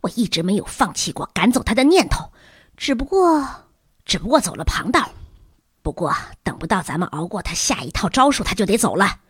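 A rebellious schoolgirl with a cold boasts in confident, dreamy tones, voiced by a woman in a storybook. The voice is husky and swoops lively in pitch. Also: brisk, dry recording, studio quality. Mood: boastful.

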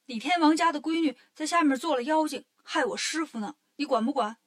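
Woman voicing a cocky monkey king, storybook, stubborn, brash, highish. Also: a little fast, natural voice.

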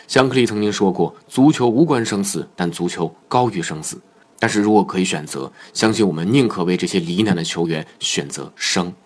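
A man with a somewhat low voice narrates from a script as the host of a football show. He tells his story in a solemn, measured way.

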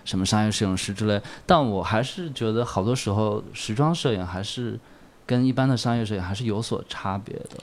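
A man's voice: on the low side, a little fast. A man talking informally and conversationally as part of a casual panel discussion.

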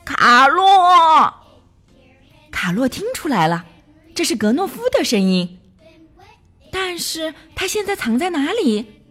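A woman storyteller narrating a children's story in a gentle, expressive way. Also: high-pitched, unhurried, long pauses.

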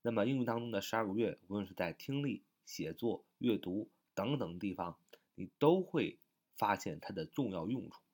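In a recorded online lesson, a man with a fairly low, slightly mellow voice and lively intonation teaches English vocabulary. He spells each word letter by letter, stretching and repeating it slowly. Short fillers like "啊" and "呃" pad the gaps between his phrases.

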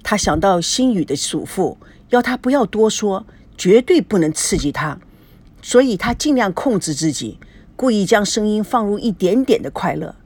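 A woman reads a family drama novel aloud in a dramatic storytelling manner. Her voice sits at a middle pitch and is husky and breathy. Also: expressive, normal speed, a little mellow. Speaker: narrator.

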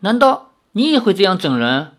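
A man voicing a cheeky young male swordsman who is easily startled, asking quick, incredulous questions in an audiobook reading. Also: fairly high pitch, sing-song, a bit bright.

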